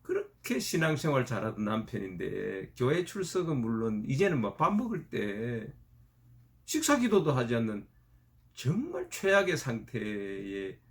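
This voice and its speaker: A male pastor preaching a sermon in an animated storytelling manner. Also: mid-range voice, a little slow.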